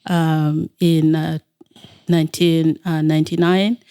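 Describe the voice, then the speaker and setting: A middle-aged woman from South Sudan, a nonprofit founder talking as a studio guest in a measured, hesitant way with many fillers. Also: deep voice, little pitch movement, warm tone, smooth, no room sound. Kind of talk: interview. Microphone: studio microphone.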